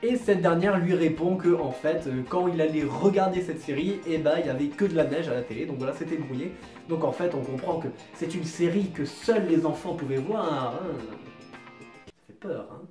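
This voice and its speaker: A man's voice: a little high, moderate pace, dark tone, faint music behind. A man hosting a comedic video commentary, joking, mocking and self-deprecating. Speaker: YouTube host. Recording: roomy echo, no proper mic.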